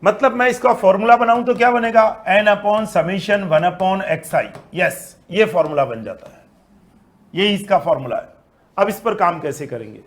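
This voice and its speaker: A male statistics teacher, lecturing an online class, lively and asking then answering his own questions. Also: high voice, a little slow. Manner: mixes Hindi with English terms.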